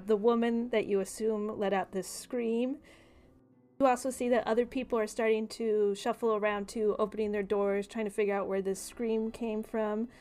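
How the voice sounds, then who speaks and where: A woman's voice: medium pitch, darkish tone. A woman narrating as game master in a casual, hesitant way.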